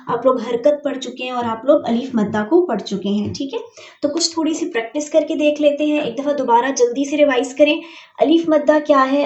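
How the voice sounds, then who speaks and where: A young woman with an Urdu accent teaching an online tajweed lesson, patiently explaining rules and slowly drawing out example words to demonstrate. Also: high voice, a little mellow, echoey room, distant mic, lo-fi sound. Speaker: Quran teacher.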